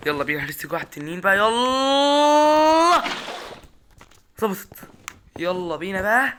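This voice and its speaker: A young man with an Egyptian Arabic accent commentating his own Minecraft run, excitable, talking straight to his viewers and repeating words in bursts. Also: sits high, racing, slight background noise. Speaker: gaming YouTuber.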